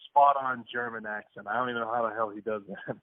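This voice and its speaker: A man's voice: mid-range voice, fairly even intonation, a little fast, no room sound. A playful young man from Hawaii, a comedic content creator chatting as a guest in a casual phone interview, laughing often. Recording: dry tinny phone line.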